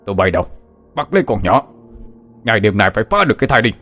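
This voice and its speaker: A man's voice: lowish voice, normal speed, faint music behind, close to an everyday voice. A man voicing a furious, scornful older clan elder who barks contemptuous commands.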